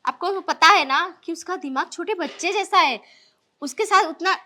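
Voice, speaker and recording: Woman playing a pleading sister-in-law, high-pitched, bright, earnest. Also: normal speed. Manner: pleading, reasoning. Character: earnest young woman reasoning with a brother-in-law. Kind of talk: scripted family drama acting.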